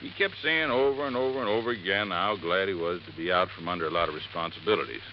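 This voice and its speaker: This 1950s radio drama clip, muffled and faintly hissing, features an actor as a folksy middle-aged handyman at a desert resort. He talks quickly in a low voice close to his everyday one, rambling along in a plainspoken drawl that sounds earnest and folksy.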